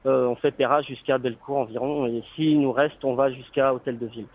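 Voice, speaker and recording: A man calling in to a radio show by phone, speaking politely and formally as a volunteer and pausing often as he explains. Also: medium pitch, fairly even intonation. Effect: phone call heard on air. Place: outdoors on a street round. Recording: dull lo-fi phone line.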